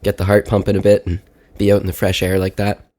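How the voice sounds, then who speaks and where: A man of about thirty with a fairly low voice, thick with congestion. He sounds sick and nasal, as though pinching his nose, while chatting casually through a personal podcast update. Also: completely flat delivery, fast, dark tone. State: sick with a stuffy head cold. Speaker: podcast segment host. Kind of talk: casual personal audio diary.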